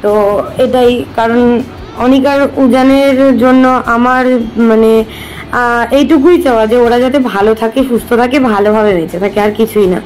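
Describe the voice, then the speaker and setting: Chatty woman vlogger, fairly high voice. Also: steady tone, unhurried, darkish tone, faint music behind, low-quality recording. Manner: chatty, addresses viewers directly. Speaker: vlogger and mother of twin boys. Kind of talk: casual family vlog.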